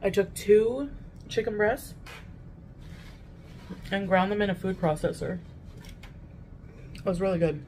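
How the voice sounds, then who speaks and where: Young female food vlogger, mid-pitched, chatting casually with mouth full and chewing as she talks; faintly noisy home recording. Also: a little slow, pauses often, a little mellow. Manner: chewing while talking, mouth often full. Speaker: mukbang vlogger. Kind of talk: casual chat while eating. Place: furnished living room, indoors. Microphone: camera at table distance.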